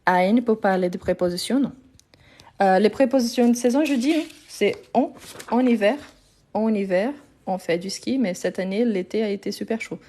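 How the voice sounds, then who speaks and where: A woman's voice: mid-range voice, fairly quick, warm tone. A woman teaching a live online French lesson, explaining grammar patiently step by step and often checking in with her viewers.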